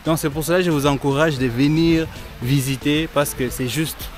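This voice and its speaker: Vlogger, music behind. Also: male voice, a little high, steady tone, moderate pace. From Congo (DRC). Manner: chatty, switches between French, Lingala and English. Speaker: vlogger and interviewer. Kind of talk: casual vlog interviews. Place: outdoors at a riverside resort.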